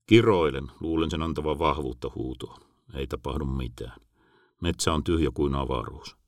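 Middle-aged man, very low voice, wry reflective first-person narration, dry close sound. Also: no room sound. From Finland.

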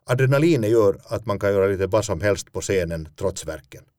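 A man's voice: fairly low pitch, expressive, darkish tone, no room sound. A man, a stage actor, telling a first-person story in a dry, self-mocking way.

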